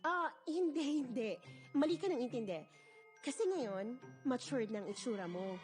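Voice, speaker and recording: A reassuring, teasing friend. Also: female voice, sits high, animated, normal speed, darkish tone, faint music behind. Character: reassuring young woman friend, teasing but calming.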